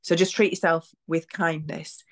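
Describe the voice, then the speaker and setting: A woman's voice: sits low, normal speed. Chatty woman in her forties. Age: 40s. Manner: chatty, with lively acted-out self-talk quotes. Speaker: podcast host. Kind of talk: reflective solo podcast talk.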